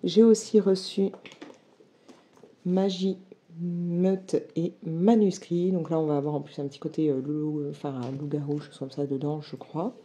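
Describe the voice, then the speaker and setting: Chatty woman with a low, dark voice. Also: level tone, a little slow. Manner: chatty, many fillers, enthusiastic. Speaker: book vlogger. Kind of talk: casual book haul chat.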